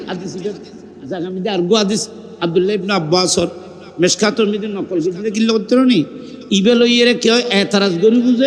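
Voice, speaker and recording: Very high-voiced fervent preacher. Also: male voice. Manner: fervent, rising into sung cries and shouts. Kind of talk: impassioned sermon storytelling. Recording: long hall reverb.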